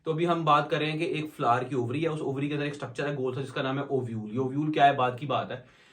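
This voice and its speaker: A male biology teacher giving a classroom lecture, asking and answering his own questions and slowing down to dictate definitions. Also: mid-range voice, fairly even intonation, fairly bright tone. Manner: explains in mixed Hindi and English, asks and answers his own questions; slows down to dictate English definitions. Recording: echoey room from far off.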